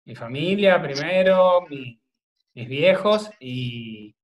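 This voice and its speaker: An Argentine man, a video maker, answering interview questions in a relaxed, rambling way full of fillers. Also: on the high side, slow, muffled recording. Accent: Argentine Spanish. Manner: rambling, thinks aloud with many fillers. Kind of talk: casual remote interview conversation.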